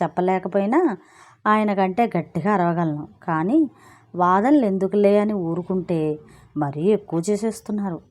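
A woman's voice: medium pitch, warm tone, natural voice. A woman reading a story and voicing a chatty married woman who complains breezily and justifies herself. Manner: breezy, gossipy, self-justifying.

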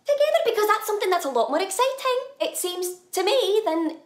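An actress with a Scottish accent performing a dramatic monologue as a nervous young woman who proposes to her flatmate, talking in a hesitant, halting way with nervous laughs. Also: very high voice, roomy sound. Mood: nervous, hopeful. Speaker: actor.

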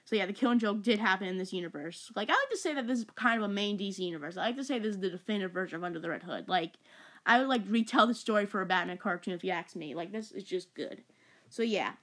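A young woman giving a casual movie review, rambling and excitable, full of fillers and stumbles. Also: medium pitch, quick pace.

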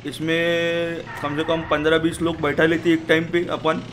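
A man hosts comic gameplay commentary in a slightly high, playful voice. He jokes like a street seller and breaks into sudden shouted calls. Loud game sounds run underneath him. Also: monotone, moderate pace, background noise. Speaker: gaming channel host.

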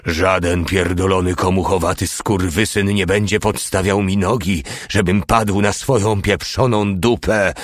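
A man voicing a frightened, foul-mouthed male soldier who grumbles low and swears. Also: steady tone, measured pace, few pauses, no echo, studio quality.

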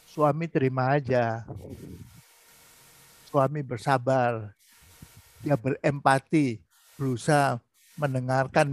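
A man teaches a sermon-style lesson on married life in a fairly high, gravelly voice. He sometimes slips into raised voices to act out spouses bickering. The sound is dry and close. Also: no room sound.

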